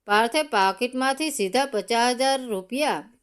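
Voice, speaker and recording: A woman narrating a dramatic story in a slow, measured storytelling manner. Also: on the high side, clear, resonant tone.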